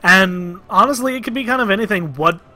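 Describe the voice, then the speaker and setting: A man co-casting a video game match, giving steady analysis of team picks and bans. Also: high-pitched, a little fast. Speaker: esports co-caster. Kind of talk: esports casting commentary.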